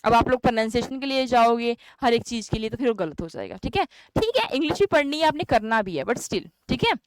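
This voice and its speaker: A woman's voice: on the high side, sing-song, a little fast, no echo. A young Indian woman teaching an English exam-prep lesson, chatty, often asking questions and answering them herself. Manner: chatty, asks and answers her own questions.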